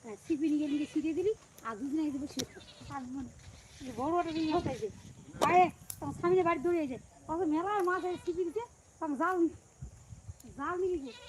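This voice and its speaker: A woman with a high voice tells a rambling story quickly and casually. Faint outdoor noise with goats sits behind her.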